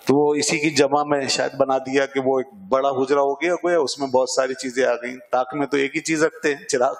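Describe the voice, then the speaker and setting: A male Islamic scholar giving a religious lecture, explaining a Quranic verse and slowing down to recite the Arabic, often asking questions and answering them himself. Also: medium pitch, flat delivery, in a large hall, rough recording.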